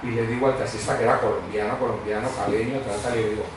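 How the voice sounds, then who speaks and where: In a church hall, a guest preacher from Madrid, a middle-aged or older man, races through his personal testimony in a lowish voice. He's conversational and animated, drifting into funny stories as the congregation listens. Heavy echo, a far-off microphone and slight background noise mark the audio.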